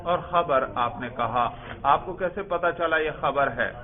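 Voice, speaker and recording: A male teacher giving a classroom grammar lesson, quizzing students step by step and praising their answers. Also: fairly high pitch. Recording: tinny phone-like sound.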